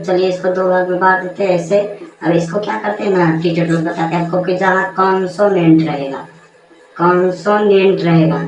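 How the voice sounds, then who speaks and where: A woman's voice: mid-range voice, darkish tone. A woman teaching a grammar lesson at a board, repeating key terms and asking and answering her own questions. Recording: echoey room, mic far off, faint noise.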